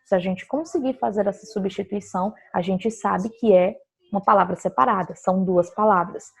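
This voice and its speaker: A woman teaches a grammar lesson with a gravelly, slightly husky voice. She explains step by step and keeps checking that her students follow. Her pitch sits in a middle range. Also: normal speed. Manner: explains patiently, often checking with "tá?".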